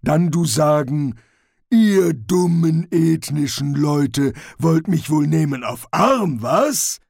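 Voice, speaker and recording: Guy doing a big dumb cheery troll guard, loud, higher than his own voice, mangled grammar. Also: expressive, slow, creaky, breathy edge, dry recording, studio quality, heavily acted. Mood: cheerful. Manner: broken grammar, plodding speech. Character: slow-witted, cheerful male troll guard.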